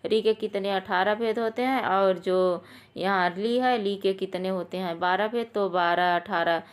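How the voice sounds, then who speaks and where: A woman's voice: medium pitch, unhurried, clean tone. A woman teaching a Sanskrit exam lesson, patiently explaining and repeating key points while addressing viewers as friends.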